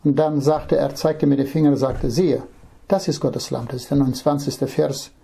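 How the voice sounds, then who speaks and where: A man preaching a Bible-teaching sermon, reading scripture verses slowly and then explaining them, earnestly speaking straight to the listener. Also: mid-range voice, steady tone, gravelly, mellow, husky. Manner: earnest, addresses listener directly with "ja?".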